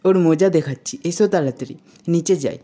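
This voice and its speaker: A woman's voice: on the low side, a little fast, warm tone, lightly acted. A woman reading the lines of a stern, determined housewife in a retold TV serial, firm and threatening.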